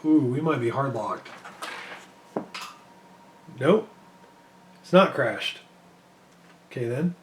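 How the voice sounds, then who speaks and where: A man's voice: mid-range voice, lively intonation, slow, pauses often, slight background noise. Man losing his voice, talking over gameplay. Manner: rambling, thinking aloud with fillers. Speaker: PC gaming benchmark creator. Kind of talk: casual gameplay commentary.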